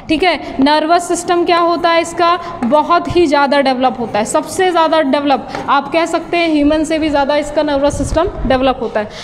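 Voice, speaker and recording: A woman teaching a biology class, repeating key terms and asking the class quiz-style questions. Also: high-pitched. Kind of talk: classroom lecture with dictation. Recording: long reverb and faint background hiss.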